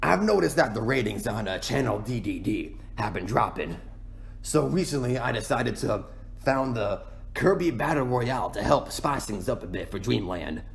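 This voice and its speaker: A man voicing a self-pitying, boastful cartoon penguin king in a folksy, rambling ASMR roleplay monologue, with a gravelly, creaky voice. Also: medium pitch, animated, normal speed, a little hiss or hum. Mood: glum, complaining.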